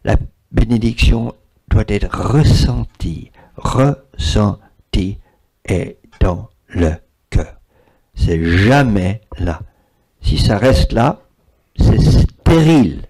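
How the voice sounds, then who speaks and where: A man's voice: on the low side, slow, darkish tone, slightly rough. A man, giving a spiritual talk and taking questions from an audience, repeating words for emphasis. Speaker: spiritual speaker.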